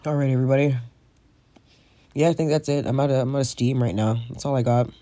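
A man with a stoned, stoner way of talking hosts a loose solo show. He rambles casually in an everyday mid-pitched voice and swears freely as he goes. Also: fairly even intonation, fast talker, warm tone. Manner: frequent swearing. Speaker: podcast host.

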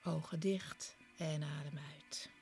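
Female relaxation guide: low, hushed, breathy near-whisper, unhurried phrasing, calming music clearly underneath. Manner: slow, short instructions with pauses. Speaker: relaxation exercise instructor. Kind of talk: soft, soothing guided relaxation with breathy, part-whispered delivery.

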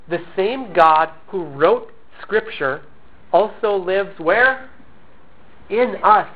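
A man preaching a sermon as pastor, earnest and measured, asking questions and answering them himself. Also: high-pitched, slight background noise. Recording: tinny phone-like audio.

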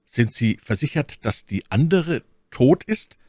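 A man's voice: mid-range voice, very animated, measured pace, darkish tone, no echo, pitched above the performer's own voice. A man voicing an agitated young male musketeer who speaks urgently. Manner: urgent, breathless.

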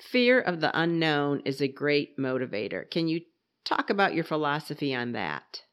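A woman hosting a radio interview, chatty and quick to laugh. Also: low-pitched, very animated. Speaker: radio host.

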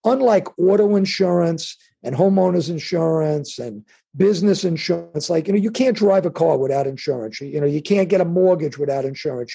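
A middle-aged man with a New York accent, talking as an interview guest. His voice is gravelly and a touch husky, pitched somewhat high, and it keeps stumbling and restarting as he works toward each point. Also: warm tone. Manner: halting restarts, conversational, acts out imagined speakers. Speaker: insurance and wealth planning executive, guest. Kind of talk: interview answers.

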